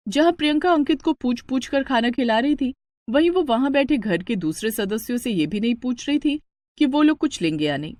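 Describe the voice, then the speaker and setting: A woman narrating a scripted storybook cartoon in an expressive storytelling manner. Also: high-pitched, fairly quick, no room sound.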